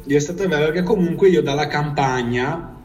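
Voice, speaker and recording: A man's voice: fairly high pitch, brisk, a little mellow. Slangy northern Italian man, off the mic. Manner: rambling, slangy, swearing. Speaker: storyteller recalling life abroad. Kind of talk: casual storytelling chat. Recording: distant mic.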